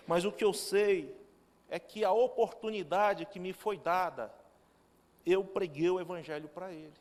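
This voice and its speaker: A man's voice: sits high, moderate pace, a little mellow. A male pastor giving a sermon in a church, telling stories with quoted dialogue. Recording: long reverb of a church hall.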